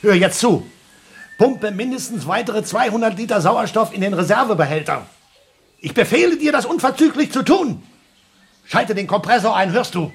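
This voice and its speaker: Agitated, high-voiced, sarcastic station crewman. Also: animated, moderate pace, creaky, breathy edge, heavily acted. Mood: frantic. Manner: exclamatory, biting, exasperated. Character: agitated, sarcastic man stranded on moon station. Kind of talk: German radio play acting.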